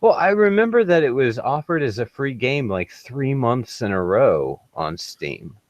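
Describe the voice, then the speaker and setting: A man's voice: mid-range voice, big pitch swings, a little slow, no echo, muffled recording. A man hosting a casual podcast chat, joking and laughing often. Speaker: podcast host.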